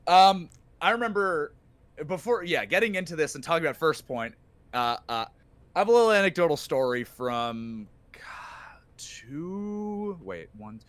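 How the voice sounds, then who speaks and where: A man who coaches esports, chatting on a live podcast, animated and casually swearing, trailing off quietly at times. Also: a little high, measured pace, dry recording.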